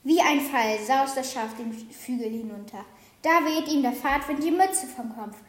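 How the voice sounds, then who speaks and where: A woman reading a children's picture book aloud with lively, expressive storytelling. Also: sits high, normal speed. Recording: roomy echo.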